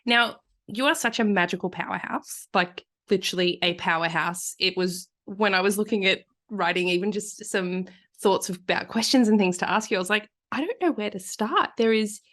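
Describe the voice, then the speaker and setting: A woman's voice: medium pitch, steady tone, normal speed, fairly bright tone. Effusive woman with a broad Australian accent. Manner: effusive, encouraging. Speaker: podcast host. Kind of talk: casual conversational interview.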